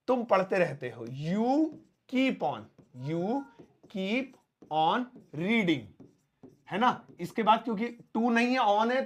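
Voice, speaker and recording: A man teaching an English grammar lesson, explaining slowly and repeating words as he spells out examples. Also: sits high.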